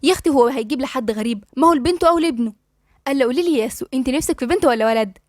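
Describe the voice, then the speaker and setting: A woman's voice: sits high, racing, no room sound, studio quality, lightly acted. A woman with an Egyptian accent voicing an affectionate, coaxing young woman friend in an audiobook. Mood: teasing. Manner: coaxing and teasing. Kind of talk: audiobook dialogue reading.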